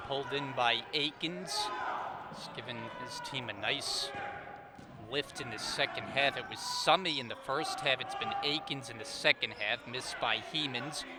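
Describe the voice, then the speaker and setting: A man in his thirties calling live basketball play-by-play, brisk and rising on big plays. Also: medium pitch. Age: 30s. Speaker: play-by-play commentator. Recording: noisy gym background.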